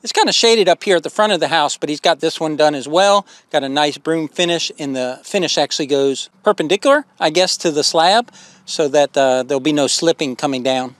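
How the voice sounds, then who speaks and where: A man's voice: fairly high pitch, a little fast, a bit bright, no echo. A middle-aged man, talking casually to a phone held at arm's length outdoors while explaining a concrete pour. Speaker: homestead vlogger. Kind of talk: casual walk-and-talk narration. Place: outdoors on a rural building site.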